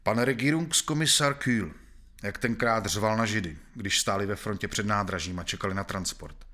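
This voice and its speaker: A man narrating a novel in the first person, reading in a measured, grave manner. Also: fairly low pitch, sharp tone.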